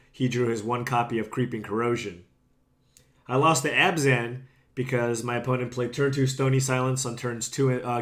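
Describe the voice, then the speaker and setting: Slightly hoarse man streaming a card game. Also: mid-range voice, fairly bright tone. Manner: chatty, self-deprecating, talks to chat. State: slightly sick, losing voice. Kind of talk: casual live-stream chat. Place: home room.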